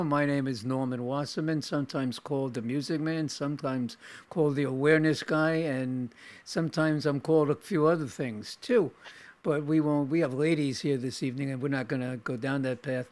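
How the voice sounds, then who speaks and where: A man with a New York accent hosts a business talk show in a slightly high voice. He jokes around and stumbles, repeating words as he goes. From the Bronx, New York. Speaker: show host. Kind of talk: casual interview chat.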